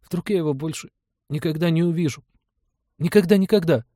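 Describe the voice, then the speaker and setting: A man's voice: fairly high pitch, a little fast, warm tone, no room sound, studio quality, voice pushed up, close to an everyday voice. Man putting on an eager chatty little boy. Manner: eager, whiny questions. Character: excitable young boy, curious and chatty. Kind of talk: audiobook character voice.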